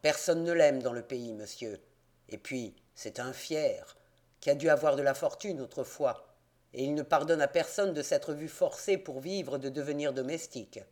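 A man reading an audiobook, voicing a gruff, hostile male innkeeper in the countryside who growls his words in rustic speech. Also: on the high side, moderate pace, a little mellow, natural voice. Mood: grumbling.

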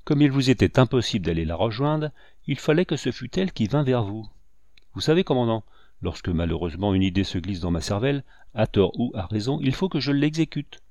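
A man's voice: medium pitch, sing-song, a little fast, darkish tone, no room sound. A man voicing a devoted, remorseful male captain, speaking humbly and pleadingly. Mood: pleading, contrite.

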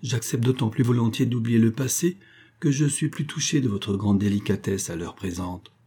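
A man's voice: medium pitch, dark tone, breathy edge, lightly acted. Man reading as a dignified, formal scientist. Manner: formal, measured. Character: dignified male scientist, touched.

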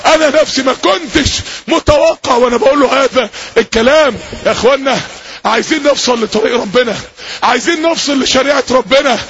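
High-voiced, shouting Egyptian preacher. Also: male voice, fast talker. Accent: Egyptian Arabic. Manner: impassioned, often shouting, repetitive. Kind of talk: fiery sermon to a gathering. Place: public gathering. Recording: dull lo-fi recording with faint hiss.

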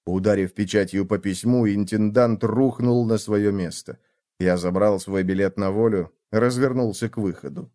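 A man narrating a first-person fantasy story in an expressive, dramatic reading. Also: fairly low pitch. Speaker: audiobook narrator.

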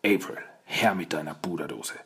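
A man voicing a cruel, gloating male villain in an audiobook, speaking slowly and with a sneer. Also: very deep voice, animated, vocal fry, fairly bright tone, slightly rough, heavily acted. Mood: gloating menace.

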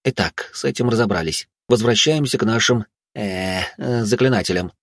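A man's voice: lowish voice, moderate pace, dry recording, clean studio sound. A man voicing an exasperated young woman class head. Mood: pleading. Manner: pleading, exasperated. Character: strict young woman student head, fretful. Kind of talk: audiobook character voice.

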